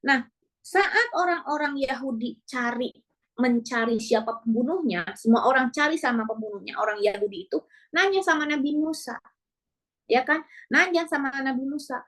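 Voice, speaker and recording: A woman preacher, telling a story in a sermon and asking lively rhetorical questions. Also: high voice, moderate pace. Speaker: female preacher.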